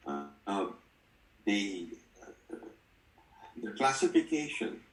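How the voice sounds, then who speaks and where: A man's voice: fairly low pitch, very animated, slow, soft background music. A man presses his questions in a discussion, insistent and repeating himself. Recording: echoey room, distant mic.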